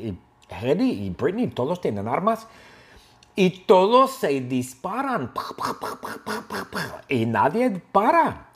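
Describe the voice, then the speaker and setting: A man telling a simple story for language learners, lively and playful, with his own sound effects. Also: mid-range voice. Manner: animated, makes gun sound effects. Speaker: language teacher.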